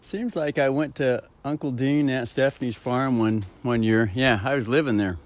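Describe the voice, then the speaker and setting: Mid-range in pitch and moderate in pace, a man vlogs from home, rambling casually with plenty of unfiltered profanity. The ambient background is clearly noisy.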